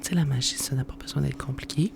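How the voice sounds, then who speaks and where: Casting: ASMR host, Quebec French accent, soft library whisper throughout, informal and unhurried book presentation. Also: medium pitch, vocal fry. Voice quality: hushed, unvoiced library whisper.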